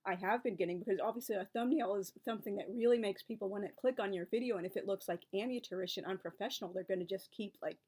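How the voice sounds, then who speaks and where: A woman in her forties who makes videos about books and authors talks quickly, with few pauses, in a mid-range, darkish voice. Reflecting casually on her own experiences, she rambles, piling up asides and tangents, and takes on a wry, exasperated edge when discussing other people's advice.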